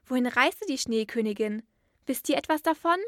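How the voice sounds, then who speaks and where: A woman's voice: on the high side, brisk, a little mellow, dry recording, studio quality, natural voice. A woman voicing a frightened little girl asking questions in a storybook reading. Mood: anxious. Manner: fearful, pleading. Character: little girl, timid and anxious.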